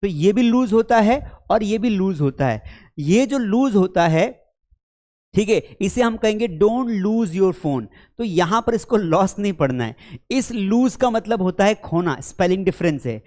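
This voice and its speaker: A man teaches spoken English online in a high-pitched, animated voice with a darkish tone. Patient as he explains, he calls his viewers friends and children and reads English example sentences slowly.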